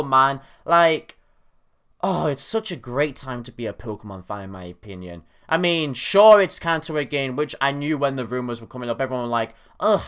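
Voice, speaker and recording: A young man giving casual, excited reaction commentary on game news, his voice cracking now and then. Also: a little high, smooth. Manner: excitable, animated, frequent self-corrections. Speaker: gaming YouTuber.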